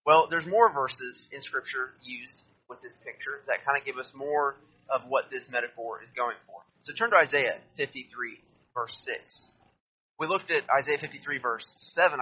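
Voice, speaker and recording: A man delivers a sermon with a bright, forward voice and a husky edge to it. He reads scripture aloud and explains it, asking listeners to turn to the verses with him. The recording sounds a little dull and lo-fi. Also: mid-range voice, moderate pace. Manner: addresses listeners directly, asks them to turn to verses. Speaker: preacher.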